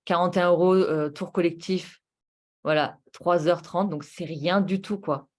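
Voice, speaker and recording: A woman's voice: fairly low pitch, steady tone, a little slow, darkish tone. A woman giving a casual, persuasive sales presentation of a travel booking platform, enthusiastic and full of rhetorical questions and fillers. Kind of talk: casual sales presentation over screen share.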